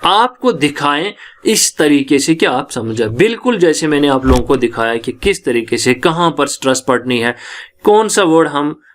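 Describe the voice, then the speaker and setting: Here a Kashmiri-accented man's voice sits on the high side with big swings in pitch as he lectures on English in Hindi. He reads each English passage slowly and follows it with an explanation.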